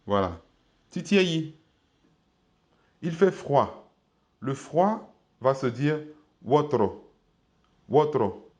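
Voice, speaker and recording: A man teaching an online language lesson, patient, repeating each word slowly with careful tones. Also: mid-range voice, a little mellow. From Côte d'Ivoire.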